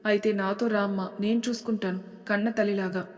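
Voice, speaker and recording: A woman's voice: medium pitch, little pitch movement, a little fast, close to an everyday voice. A woman doing an anxious, earnest rich young son. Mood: tender. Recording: long hall reverb.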